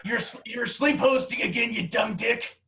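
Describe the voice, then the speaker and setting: A man's voice: very high-pitched, moderate pace, creaky, bright, forceful tone, recorded from a distance, full character voice. A man playing a crude, insulting male roommate with a smug, mocking manner, a bit off-mic.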